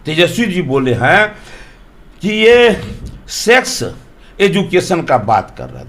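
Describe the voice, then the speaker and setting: A man's voice: high voice, fairly bright tone. A man, a politician from Bihar, answering interview questions in an emphatic, argumentative way full of rhetorical questions.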